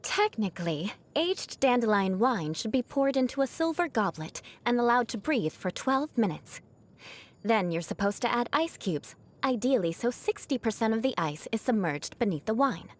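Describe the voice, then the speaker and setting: Voicing a haughty young noble knight for a video game, a woman delivers scripted lines in a fairly high, very animated voice at ordinary speed. Her formal, teasing character carries a vengeful edge that masks real care, and the tone feels proud yet reflective.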